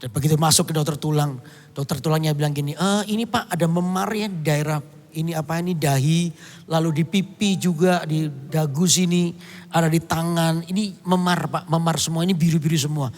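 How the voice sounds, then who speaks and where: A man's voice: on the high side, fairly even intonation, a little fast, in a large hall. A middle-aged man from Indonesia preaching a sermon, telling a personal story and breaking into song now and then. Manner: storytelling, bursts into song and shouts. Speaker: pastor.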